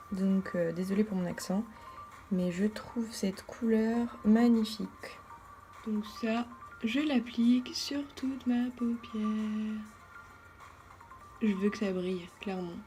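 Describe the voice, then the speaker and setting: A woman's voice: mid-range voice, mellow. A woman giving a casual makeup tutorial as a beauty vlogger, chatty and thinking aloud with lots of fillers.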